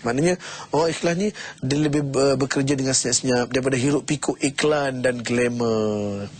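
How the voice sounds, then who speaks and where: A middle-aged man giving a motivational sermon, talking in a lively, conversational way that swings up and down. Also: medium pitch, moderate pace, a little hiss or hum. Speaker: preacher.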